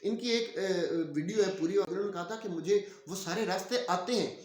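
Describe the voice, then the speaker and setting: A man delivers political commentary in an opinionated, forceful way, filling pauses with hesitation sounds. His voice sits a little high for a man. The recording is roomy and echoey. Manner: opinionated, emphatic, with frequent filler sounds. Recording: roomy echo.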